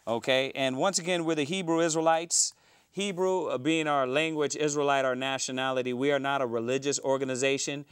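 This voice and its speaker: A Houston, Texas man in his thirties hosts a live cable talk show from a small studio. His smooth, clear, mid-pitched voice is steady and brisk, though he rambles and keeps restarting with fillers. The sound is dry and close, with no room sound.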